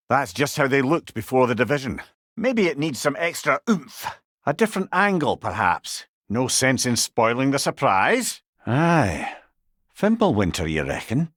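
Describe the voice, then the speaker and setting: Mimir, a wry old Scottish storyteller. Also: male voice, medium pitch, a bit bright, no echo, studio quality. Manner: wry, avuncular, articulate storytelling. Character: wise, witty old talking head, storyteller companion. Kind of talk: scripted video game voice lines.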